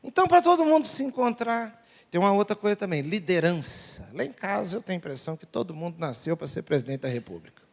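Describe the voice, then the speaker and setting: A Brazilian pastor preaches in a large church sanctuary, his high, gravelly voice swinging widely in pitch at a quick pace. He tells funny family stories and acts out the dialogue, and the recording carries a long church-hall reverb.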